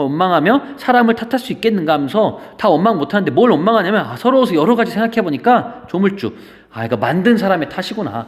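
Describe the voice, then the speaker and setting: A man's voice: high-pitched, long reverb tail. A male literature teacher giving a lesson, explaining an old poem through playful, casual modern paraphrases. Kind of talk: classroom-style lecture.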